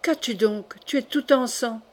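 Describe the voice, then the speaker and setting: A woman's voice: a little high, a little slow, close to an everyday voice. A woman reading the lines of a frightened young queen pleading with her lover in an audiobook.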